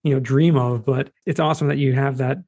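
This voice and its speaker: A man's voice: mid-range voice, steady tone, fairly quick, dark tone. A man with a Boston accent hosting a podcast interview, talking loosely with lots of fillers. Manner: loose, chatty, with many fillers. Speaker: podcast host. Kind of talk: casual interview chat.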